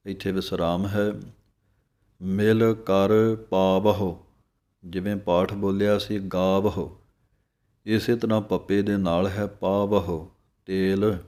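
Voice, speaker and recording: A man giving a slow pronunciation lesson on a religious text, drawing out each recited phrase and then explaining it. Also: low voice, little pitch movement, darkish tone. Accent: Punjabi. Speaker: religious teacher.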